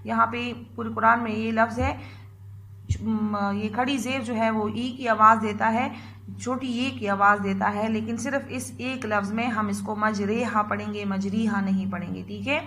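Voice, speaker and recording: A woman teacher giving a recorded lesson to young children. She spells out letters slowly and loudly, drawing out each syllable, and often checks in with a soft "theek hai". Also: fairly high pitch, steady tone, slight background noise.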